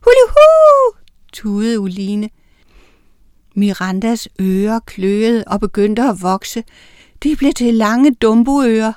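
A woman's voice: medium pitch, clear, resonant tone, no room sound, clean studio sound. Woman reading a children's story. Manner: reads with lively character voices. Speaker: narrator. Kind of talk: children's audiobook narration.

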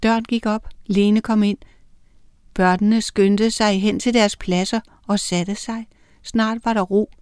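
A woman's voice: medium pitch, clear, resonant tone, dry recording, studio quality. Woman reading a children's story. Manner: reads with lively character voices. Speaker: narrator. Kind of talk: children's audiobook narration.

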